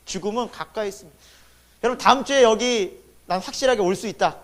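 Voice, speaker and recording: A man preaching a sermon as pastor. He asks the congregation questions and answers them himself, and his voice swings between loud emphasis and sudden hushed drops. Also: high-pitched, fast talker. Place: church sanctuary.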